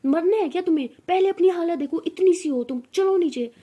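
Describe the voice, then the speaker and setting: A woman's voice: sits high, fast, warm tone, breathy edge. A woman voicing a bossy older sister who scolds her younger sibling. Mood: scolding. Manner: scolding, domineering.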